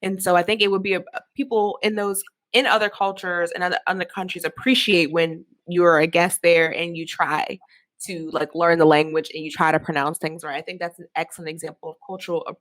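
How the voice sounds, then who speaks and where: A woman from Philadelphia talks in a somewhat low voice on a dry, close recording. She co-hosts a casual podcast chat, frank and rambling, with plenty of "like" fillers. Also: little pitch movement, fairly quick, fairly bright tone, no room sound. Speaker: podcast co-host. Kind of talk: casual discussion.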